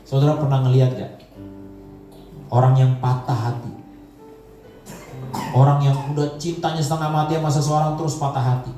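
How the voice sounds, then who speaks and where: A man preaching a sermon as pastor, telling stories in a lively way and acting out the voices of the people he quotes. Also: medium pitch, moderate pace, long pauses. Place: church hall. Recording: echoey church hall, mic from a distance, faint music.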